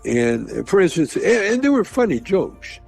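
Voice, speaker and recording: A man's voice: high-pitched, big pitch swings, normal speed, gravelly, a little mellow, soft background music. A man telling rambling comedy stories in a casual chat and chuckling through them. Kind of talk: casual storytelling.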